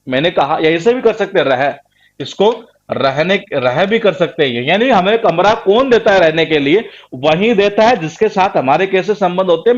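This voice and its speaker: A man teaching vocabulary in an online class, who asks rhetorical questions and keeps tagging lines with a filler word. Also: high voice. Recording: dull lo-fi sound.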